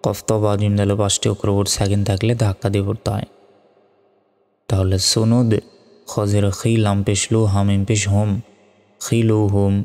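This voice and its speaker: A man teaching Quran reading, spelling out syllables slowly and then reciting them in a melodic chant. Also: on the low side, flat delivery, mellow. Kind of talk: letter-by-letter recitation lesson. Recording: long reverb hall with faint music.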